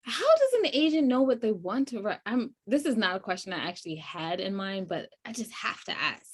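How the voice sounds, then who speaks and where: A woman's voice: mid-range voice, sing-song, fairly quick, slightly rough. A woman hosting an interview, bubbly and self-deprecating as she asks her questions. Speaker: interviewer, host. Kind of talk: interview chat.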